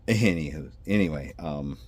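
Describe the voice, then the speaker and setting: Rumbling low and a little mellow, this man speaks at a moderate pace with slight background noise. He's an adult with a son, congested and nasal from sinus trouble, with a twang, vlogging about building scale models. His rambling is self-interrupting and apologetic, with frequent restarts.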